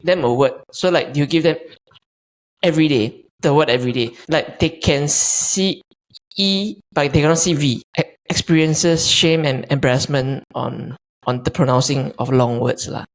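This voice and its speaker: Co-host explaining calmly. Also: male voice, a little high, moderate pace. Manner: explaining, hesitant with fillers. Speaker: podcast co-host. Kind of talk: casual podcast chat.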